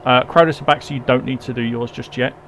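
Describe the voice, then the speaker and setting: A man's voice: mid-range voice, steady tone, quick pace, fairly bright tone, a little hiss or hum. A man running a tabletop game as game master, narrating in a hesitant way as if thinking aloud. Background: music.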